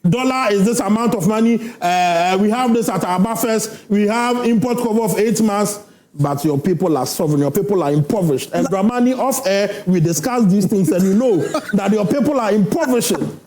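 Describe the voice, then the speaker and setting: A Ghanaian man arguing as a political panelist in a heated studio debate, loud and emphatic, repeating rhetorical questions. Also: high-pitched, expressive, brisk, echoey room.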